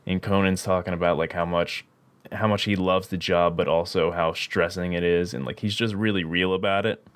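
A man's voice: low voice, moderate pace, clean tone. A young man co-hosting a podcast, casually telling stories with frequent laughs. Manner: laughing, animated storytelling. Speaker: podcast co-host. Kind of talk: casual chat.

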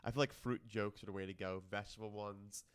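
A man co-hosting a podcast in casual pun banter, excitable and laughing, with sudden jumps up in pitch. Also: fast talker, smooth. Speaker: podcast co-host. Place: dining room.

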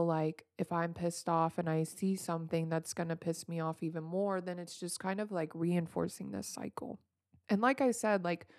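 A woman's voice: lowish voice, dry recording, clean studio sound. A woman hosting a podcast, talking casually and earnestly about handling heavy feelings, reassuring and rambling with restarts. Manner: loose, rambling phrasing with many restarts. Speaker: podcast host. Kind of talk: casual self-help talk.

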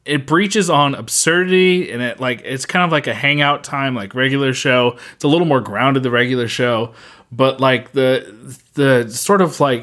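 A man's voice: medium pitch, a bit bright. A man co-hosting a podcast in casual chat, rambling with many fillers and restarts. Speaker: podcast co-host.

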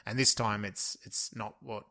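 A man's voice: lowish voice, steady tone, measured pace, pushed and bright. A man with an Australian accent co-hosting a casual film discussion, chatty, laughing often and trailing off mid-sentence. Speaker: podcast co-host.

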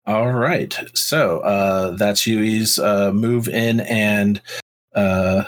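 A man acting as game master in a tabletop role-playing session, talking in a relaxed way with many fillers. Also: lowish voice, drawn-out words.

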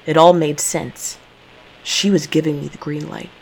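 This first-person audio drama features a young woman as a sardonic, profane heroine recounting a reckless, dangerous stunt, sarcastic and frequently panicky. Her low-pitched voice is creaky and a little mellow, delivered flatly at a measured pace, on poor audio with audible background noise.

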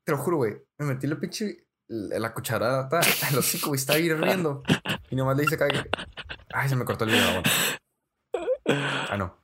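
A young man, a podcast co-host telling stories in slangy, animated casual chat. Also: mid-range voice, fairly quick, pauses often, heavy background noise. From Mexico. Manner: slangy, says "güey" constantly, animated storyteller.

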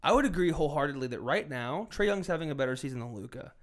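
Lively guy on a sports podcast, cursing a lot, voice jumps all over, kinda high. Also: quick pace. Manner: animated, profane, swings loud and quiet. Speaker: podcast co-host. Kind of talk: casual sports podcast chat.

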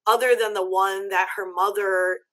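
A woman's voice: medium pitch, steady tone, normal speed, fairly bright tone, rough recording. A woman guest co-host in casual chat, thoughtful and hedging.

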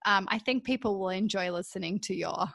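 A woman's voice: medium pitch, brisk, gravelly, a bit bright, no room sound. A woman hosting her podcast, upbeat and laughing often as she introduces and interviews her guest. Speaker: podcast host. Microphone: remote call from her apartment.

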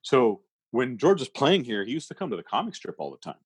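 A man from Canada, a comedian guest, telling a story in an animated, casual way. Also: medium pitch, fairly quick, slightly rough, dry recording. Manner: animated, laughs through his own story.

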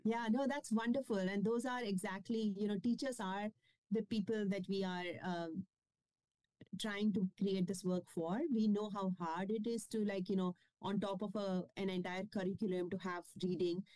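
A woman's voice: mid-range voice, steady tone, moderate pace, mellow, dry recording, poor audio. A woman being interviewed about her children's books, talking casually with lots of fillers and restarts. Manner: chatty, many fillers and restarts. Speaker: children's book publisher and author.

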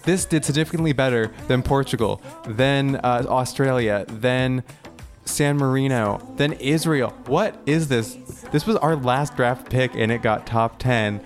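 A man's voice: medium pitch, a little slow. Man, casual chat, blunt, profane, opinionated, faint background music. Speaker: podcast co-host.

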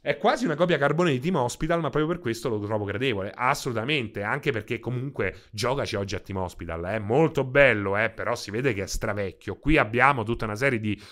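A man, streaming games live and chatting with his viewers in an excitable, profane, ranting way, holding a handheld microphone. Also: medium pitch. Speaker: video game streamer. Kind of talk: casual live-stream chat.

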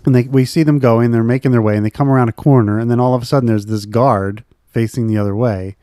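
Amused, mid-pitched man in rambling casual commentary. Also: steady tone, quick pace, mellow, clean tone, dry recording, clean studio sound. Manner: amused, rambling, mock-serious.

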